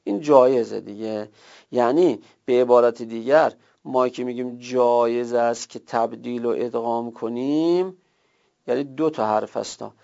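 A man teaching a grammar class, explaining step by step and repeating word forms slowly. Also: medium pitch, creaky, warm tone. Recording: dull lo-fi recording.

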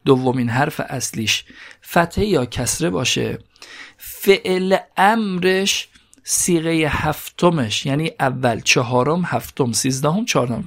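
A man teaches a grammar class. His voice has a gravelly, creaky edge at an ordinary middle pitch. He explains each point step by step and repeats key words as he goes. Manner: explains step by step, reads a phrase then glosses it. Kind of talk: classroom lecture.

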